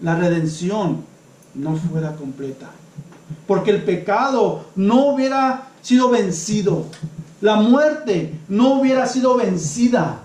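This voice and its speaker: A male pastor preaching a sermon to his congregation, calling them brothers, swinging between loud and hushed and slowing down for emphasis. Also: high-pitched, lively intonation, roomy sound, poor audio. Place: church.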